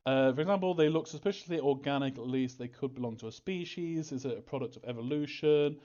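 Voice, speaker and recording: A warm-toned, fast-talking man with a medium-pitched voice reads fan questions aloud and casually responds as a game developer. He's hesitant and chuckling, skirting story details, in a dull, lo-fi recording.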